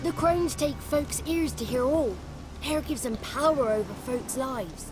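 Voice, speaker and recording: A man's voice: very high voice, expressive, unhurried. An actor voicing a small, nervous and cheeky male goblin creature, telling his story in a folksy, rustic way. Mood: fretful. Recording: game audio with loud music.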